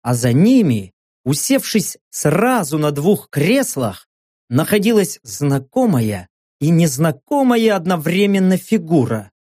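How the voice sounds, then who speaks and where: A male narrator reads a first-person story aloud at an unhurried pace. His pitch rises and falls expressively from line to line. The recording is dry, with no room sound. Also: big pitch swings, darkish tone, no room sound. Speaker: audiobook narrator.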